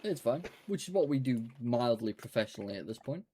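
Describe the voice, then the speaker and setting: A man's voice: mid-range voice, expressive, brisk, crowd noise. A man co-hosting a casual gaming podcast, reading out reviews with blunt, sweary, sarcastic asides. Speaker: podcast co-host.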